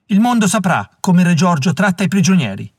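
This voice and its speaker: A man reading aloud voices an indignant imprisoned colonel who shouts his protests. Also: sits high, very animated, fairly quick, slightly rough, dry recording, clean studio sound, voice pushed up, heavily acted. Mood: furious.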